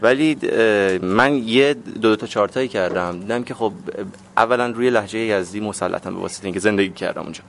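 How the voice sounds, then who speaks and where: A man's voice: fairly low pitch, creaky, fairly bright tone, slight background noise. A man, a stage actor, explaining his choices in an interview with frequent fillers. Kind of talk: interview answer.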